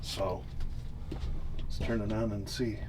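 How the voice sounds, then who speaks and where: A man's voice: fairly low pitch, flat delivery, slow. A man doing casual hands-on DIY narration inside a small trailer, thinking aloud informally as he works. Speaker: DIY vlogger. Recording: noisy, vehicle-like hum behind voice.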